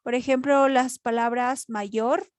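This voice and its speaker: A woman's voice: a little high, fairly even intonation, slow pace, no echo. A woman teacher giving a spoken grammar lesson, explaining step by step and checking in with rhetorical questions.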